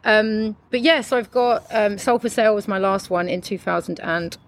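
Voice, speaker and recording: A woman's voice: medium pitch, normal speed, crowd noise. A woman with a south London accent chatting casually and candidly as an interviewed musician, blunt and sweary. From Croydon, south London. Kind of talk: casual chat.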